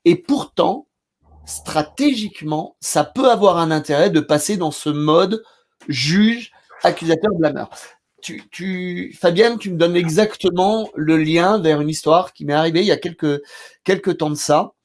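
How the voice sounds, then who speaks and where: A man with a French accent, a therapy trainer, chatting with a colleague and telling session stories in an animated way. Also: fairly high pitch, measured pace. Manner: animated storyteller, acts out scenes loudly. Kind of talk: casual discussion between therapists.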